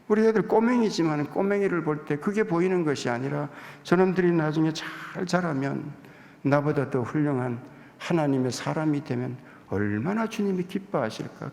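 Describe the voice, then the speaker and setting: A man's voice: fairly high pitch, gravelly, darkish tone. A male pastor giving a confessional, humorous sermon in a church sanctuary, with hall reverb.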